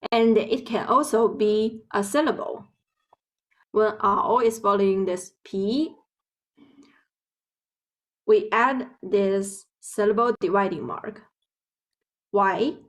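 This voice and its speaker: Slow-talking Chinese woman teaching. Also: on the high side, poor audio. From Beijing, China. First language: Mandarin Chinese. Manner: slow, careful explaining with drawn-out example words. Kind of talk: online language lesson.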